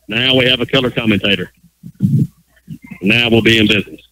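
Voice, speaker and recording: A man announcing a high school football game live on radio, calling the action in a rapid running commentary. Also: fairly even intonation, bright, forceful tone, rough recording. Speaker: play-by-play announcer.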